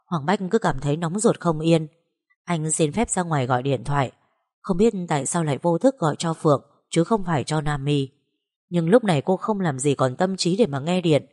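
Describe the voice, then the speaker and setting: A woman narrating a drama story in a steady, even way. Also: low-pitched.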